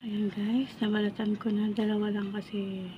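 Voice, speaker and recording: Filipino woman missing front teeth, even-pitched chat. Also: moderate pace, dull audio. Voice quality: speech of someone missing upper front teeth. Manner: informal, chatty, talking to viewers while preparing and eating food. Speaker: vlogger. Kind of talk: casual food vlog chat. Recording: noisy home recording with roosters crowing. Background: background noise, chickens and roosters.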